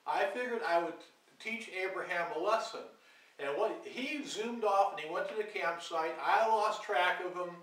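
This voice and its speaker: An older man, a grandfather, telling his grandchildren an animated story with dramatic sound effects. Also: high-pitched, distant mic. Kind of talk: family storytelling. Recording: echoey room, off-mic.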